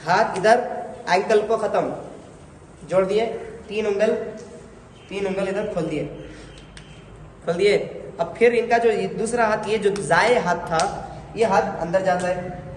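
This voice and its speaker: A man's voice: high voice, unhurried, long pauses. A religious teacher demonstrating prayer steps to a group of learners, correcting and coaxing them as he goes. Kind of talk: hands-on prayer instruction. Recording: echoey hall, faint noise.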